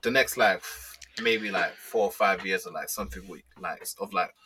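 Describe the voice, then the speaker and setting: A man's voice: low-pitched, normal speed, sharp tone, slightly rough. A young man with a London roadman accent, debating football casually in slang peppered with "bro", "man" and "yeah". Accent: London, urban street slang (roadman).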